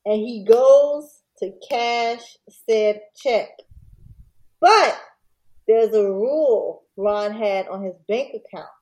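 A woman casually retelling a scam story on a podcast, slangy and digressive, pausing to laugh. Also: a little high, darkish tone, rough recording. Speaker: podcast host.

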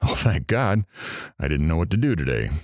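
A man's voice: low voice, sing-song, normal speed, darkish tone, dry recording, studio quality. A man playing a talk show host, brash and teasing, hamming up each surprise.

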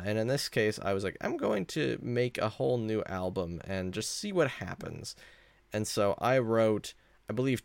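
A deep-voiced man hosts a casual solo podcast, rambling along in a conversational, self-deprecating way. The sound is smooth, with no echo.

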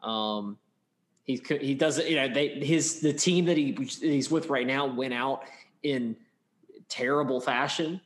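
A man's voice: medium pitch, measured pace. A man co-hosting a casual sports chat, rambling with many restarts and plenty of fan enthusiasm. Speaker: podcast co-host.

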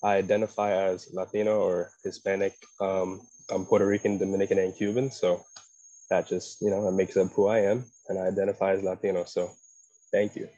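Deep, mellow young man from New York. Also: level tone, brisk, dry recording. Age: young adult. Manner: easygoing, "you know" fillers. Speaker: student athlete. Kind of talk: casual discussion. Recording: muffled dry lo-fi sound.

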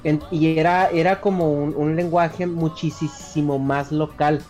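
A man's voice: a little high, steady tone, measured pace, a little mellow. Man with a northern Mexican accent. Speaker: podcast guest. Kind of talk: casual chat. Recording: faint background music.

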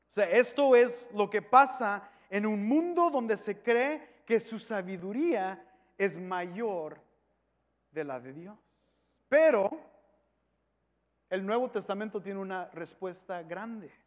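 A man's voice: high voice, big-room sound. A man preaching a sermon in a conversational teaching manner, with slangy asides. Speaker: pastor.

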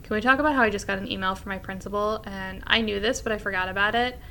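A woman co-hosting a podcast, a teacher chatting casually, animated and laughing often as she acts out what she said. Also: mid-range voice, quick pace, slight background noise. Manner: animated, laughs often, acts out her own past remarks. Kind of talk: casual chat.

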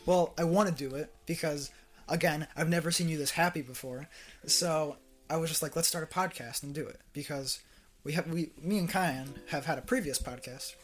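Young male podcast host, fairly high pitch, giggly and rambling, faint music bed. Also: normal speed. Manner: laughs often, rambling with fillers. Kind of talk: casual chat.

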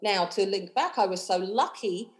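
A London woman in her thirties, a cabaret host and singer, is the guest in a casual interview chat. She talks effusively and rambles with lots of fillers, in a mid-range voice at a moderate pace.

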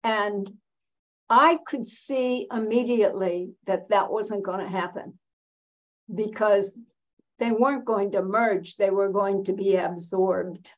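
An elderly American woman, seventies or older, speaking as an interview guest in a reflective, emphatic, deliberate way with pauses mid-sentence, on a slightly dull recording. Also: medium pitch, fairly even intonation. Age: 70s or older. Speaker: interview guest, veteran feminist activist.

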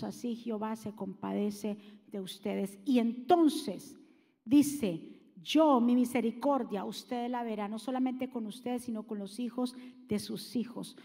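A high-pitched woman preaches a sermon, dropping to near whispers and then rising to shouted appeals as she urges her congregation on. Her voice rings out with the long reverb of a church hall. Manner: swings from hushed to shouted, repeats phrases, urges the congregation.

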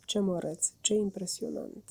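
A dreamy, rapturous male toad, as a woman reading a storybook puts him on, murmuring as if in a trance. The voice sits low and husky with a gravelly edge. The tone is dark and mellow. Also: flat delivery.

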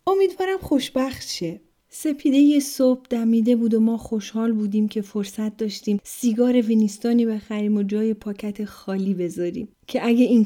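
A woman from Iran, calmly narrating her own memoir in the first person. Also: on the high side.

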